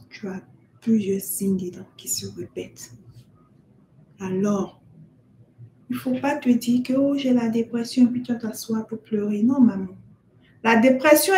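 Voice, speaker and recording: A woman's voice: medium pitch, darkish tone, echoey room, a little hiss or hum. A woman vlogger giving earnest, direct advice to new mothers, talking straight to the listener. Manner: earnest, addresses the listener as "tu" and "maman". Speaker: parenting vlogger. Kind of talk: direct-to-camera advice talk.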